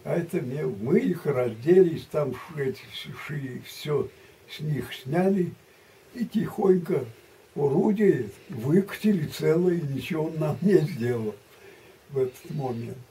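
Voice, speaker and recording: An elderly man reminisces like a grandpa spinning a rambling story, halting and repeating himself in plain colloquial words. His voice is slightly high for a man and very soft-edged and dark in tone. It is picked up a little away from the mic. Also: expressive. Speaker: war veteran recounting memories. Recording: distant mic, muffled, background noise.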